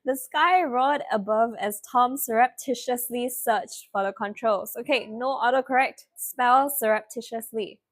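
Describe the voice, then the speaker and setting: A young woman, tutoring a live-stream spelling lesson. She laughs often, praises students by name and spells words out slowly. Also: a little high. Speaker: online tutor.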